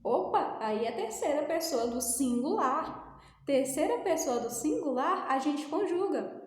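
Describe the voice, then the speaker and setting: Slow-talking teacher woman, echoey room. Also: high-pitched, animated. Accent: Brazilian Portuguese. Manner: patient, explaining slowly, checking in with "certo?". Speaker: English teacher. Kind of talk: recorded remote class lesson. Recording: echoey room, long reverb.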